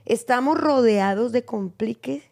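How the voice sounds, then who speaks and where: A woman hosting a faith-based conversation, telling stories in an animated way and acting out the dialogue she quotes. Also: fairly high pitch, unhurried, vocal fry. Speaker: podcast host.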